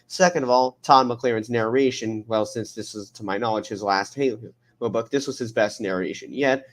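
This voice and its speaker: A man's voice: mid-range voice, moderate pace. A man in a casual book club discussion, going through his points one after another with playful asides.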